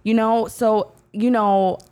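A woman's voice: a little high, takes it slowly, clean tone. Chatty young woman with a slight lisp. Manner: chatty, animated, uses slang. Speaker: podcast co-host. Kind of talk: casual chat.

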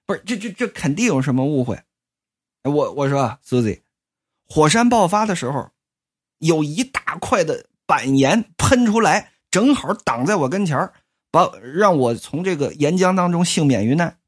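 Woman doing a cocky young guy, swaggering, stammering, lively swooping pitch. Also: normal speed, breathy edge, heavily acted. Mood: flustered. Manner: swaggering, quarrelsome, bursts into flustered stammering. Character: brash cocky young man back from the dead. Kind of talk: comic storytelling.

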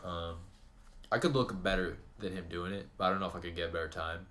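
Bright-voiced joking young man. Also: sits low, fast. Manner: joking, crude, animated. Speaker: podcast co-host. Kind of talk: casual banter.

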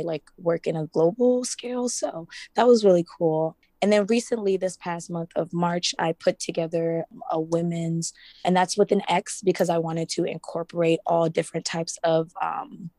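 Young woman, student rep, lowish voice, chatty, lots of fillers, dry close sound. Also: flat delivery, moderate pace, dark tone, no echo. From Ghana, raised in the US. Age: young adult. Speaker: student representative. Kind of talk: casual interview.

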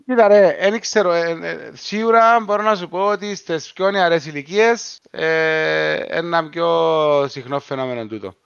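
A man's voice: fairly high pitch, gravelly, hardly any pauses, a bit bright, smooth, no room sound, lo-fi sound. A man with a Cypriot Greek accent, talking casually in a discussion.

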